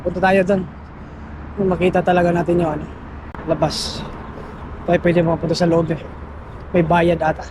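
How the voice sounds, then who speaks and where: Filipino man vlogging over clear outdoor noise. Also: high-pitched, monotone, normal speed, pauses often. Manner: exclamatory, slangy, talking to viewers. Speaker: vlogger and host. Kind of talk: casual vlog chat. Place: outdoors in a city. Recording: noisy outdoor recording with traffic ambience.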